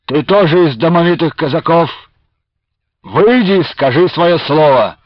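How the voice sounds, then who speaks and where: A man's voice: on the high side, expressive, measured pace, no echo, voice pushed up. A man reading aloud and voicing a stern, imperious Cossack ataman who gives curt commands, in a dull lo-fi radio recording. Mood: angry demand.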